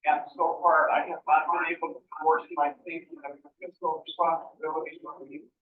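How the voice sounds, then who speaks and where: A man's voice: on the high side, level tone. Man on a tinny speakerphone. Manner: halting, rambling formal remarks. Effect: heard through a phone on speakerphone. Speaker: county supervisor calling into a meeting. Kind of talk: public comment statement at a board meeting. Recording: tinny phone line on a speaker in an echoey room from far off.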